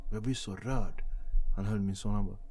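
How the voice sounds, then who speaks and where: Animated forty-something male storyteller. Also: lowish voice, a little hiss or hum. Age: 40s. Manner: animated, laughs often, slangy with frequent "bror". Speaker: comedian and podcast host. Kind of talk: casual storytelling chat.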